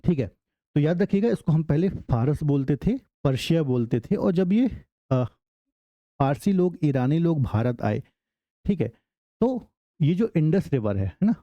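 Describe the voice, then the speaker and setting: A man's voice: on the high side, big pitch swings, a little slow, no room sound, highs cut off. A male teacher giving an exam-prep geography lecture, often asking the class a question and then answering it himself.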